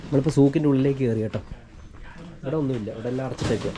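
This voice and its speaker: A man's voice: mid-range voice, very fast, background noise. A man with a Malayali accent giving casual walking vlog commentary, mixing Malayalam with English words. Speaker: travel vlogger. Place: walking around an old village outdoors.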